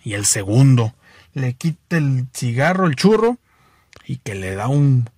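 A man's voice: medium pitch, unhurried, no echo, studio quality. Playful Mexican joke-telling man. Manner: animated, playful storytelling with exclamations. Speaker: joke teller.

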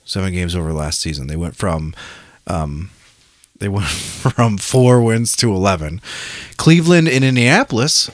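A man's voice: low voice, animated, moderate pace, no room sound, studio quality. A man casually talking football as a podcast host, with an informal, sweary way of talking. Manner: profane, informal.

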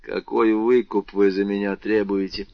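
A man's voice: on the low side, flat delivery, normal speed, dry recording, lightly acted. A man reading as a frantic captive banker. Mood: pleading. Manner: pleading, then raging. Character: desperate aging male banker held captive, fearful and furious. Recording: slightly muffled dry recording.

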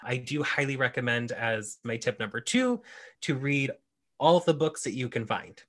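Bright-voiced man explaining earnestly. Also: medium pitch, expressive, moderate pace. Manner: earnest and explanatory, laughs easily. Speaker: author and guest. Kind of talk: casual interview conversation.

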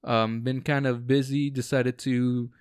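A man hosts a laid-back podcast with friends at home, talking in an easygoing, rambling way full of ums. His voice sits in a middle pitch and sounds dry and close, with no room echo. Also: little pitch movement, unhurried, clear, resonant tone. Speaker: podcast host. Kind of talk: casual podcast chat.

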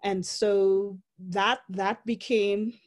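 A woman in her forties from Trinidad speaks very slowly in a mid-range voice with fairly even intonation and a Trinidadian accent. She tells her story as an interview guest, reflective and often laughing between fillers.

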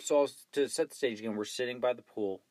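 A man co-hosting a podcast, telling a story in relaxed, wry casual chat. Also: medium pitch, fast talker. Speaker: podcast co-host.

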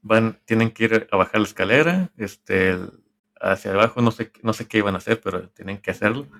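A man with a Mexican accent, a podcast co-host telling a story in a rambling, halting way, full of slang and swearing. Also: lowish voice, vocal fry, a bit bright. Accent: Mexican Spanish. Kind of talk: casual storytelling among friends.

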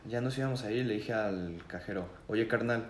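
A man's voice: on the low side, fairly quick. A young man with a Mexican accent, co-hosting a casual podcast and telling a story full of slang and acted-out voices. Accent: Mexican Spanish. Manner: animated, acts out quoted voices, heavy slang. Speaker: podcast co-host. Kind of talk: casual storytelling among friends. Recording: roomy room with faint background noise.

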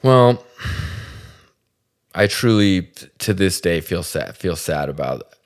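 This man's voice is low-pitched and slow. He's a podcast host from the Salt Lake area who casually tells a funny story, swearing freely, staying animated, and laughing at himself.

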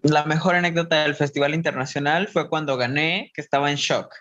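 A man tells his story in an animated, chatty way. His voice sits fairly high for a man and jumps up when he plays out his own nervous thoughts. The recording sounds muffled and lo-fi. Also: brisk. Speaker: interview guest, burlesque performer and dance teacher. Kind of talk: casual storytelling interview.

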